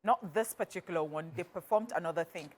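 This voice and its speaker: A woman's voice: lowish voice, brisk. A woman co-hosting a TV entertainment show, bantering playfully and hyping herself up. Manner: flamboyant, playful self-hyping. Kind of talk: lively studio banter.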